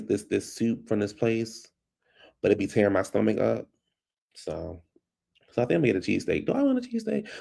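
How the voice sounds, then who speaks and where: A man vlogging solo from his home computer rambles in a loose, chatty style and calls his listeners "baby," his nose blocked and his voice fading. His fairly low voice sounds gravelly, with a warm tone.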